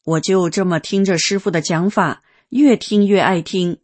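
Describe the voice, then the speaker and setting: Husky woman reading a personal testimony. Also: on the low side, fairly even intonation, moderate pace. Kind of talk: read-aloud first-person testimony.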